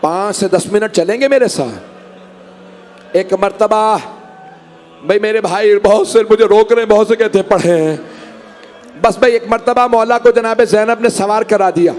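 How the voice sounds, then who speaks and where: A man with a Pakistani Urdu accent reciting a Muharram mourning sermon to a gathered congregation, with impassioned, drawn-out cries. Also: sits high, a little mellow, soft background music. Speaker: majlis reciter.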